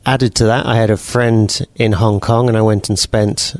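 Born in New Zealand and now in his forties, this guest entrepreneur speaks with a British accent in a lowish voice at normal speed, on a dry recording. He answers interview questions casually and in a relaxed way, often repeating words and restarting.

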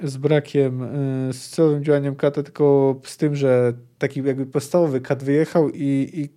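A man hosting a book podcast who talks in a hesitant, digressive way, filling his pauses with many "e" sounds. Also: medium pitch, little pitch movement, dark tone. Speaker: podcast host.

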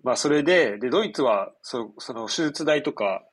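Lively, husky young man with congested nose. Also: medium pitch, normal speed. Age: 20s. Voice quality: nasal, stuffed-up voice. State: congested after nose surgery. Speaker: podcast host. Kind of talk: casual chat.

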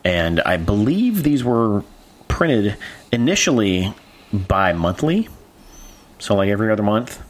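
A man's voice: fairly low pitch, a little slow. A man co-hosting a podcast, chatting casually and joking, then going through publication dates. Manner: animated, jokey, reads out dates. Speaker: podcast co-host. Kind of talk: casual chat about comics.

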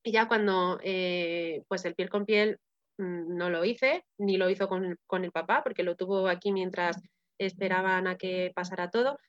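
A woman, telling a personal story in conversation, acting out the voices she quotes and pausing often to find her words. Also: lowish voice, steady tone, no room sound. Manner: vivid retelling, acting out quoted voices, frequent hesitations. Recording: dull, dry, slightly lo-fi recording.

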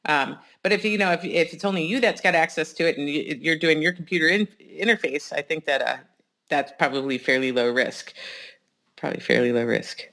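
Woman, podcast co-host, bright voice, measured explanations, hedging. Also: low-pitched, gravelly. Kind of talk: casual podcast discussion.

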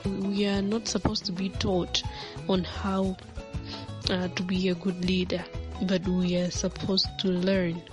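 A woman giving a firm recorded opinion in a flat manner. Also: fairly low pitch, a little slow. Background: music.

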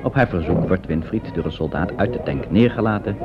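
A man narrating a children's drama in a calm, measured way. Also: low-pitched, heavy background noise. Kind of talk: scripted narration. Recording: dull old recording with music.

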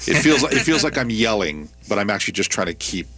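A man's voice: lowish voice, very animated, fast talker, sharp tone, no echo. A man in his fifties chatting casually as a comedian guest on a radio show. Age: 50s.

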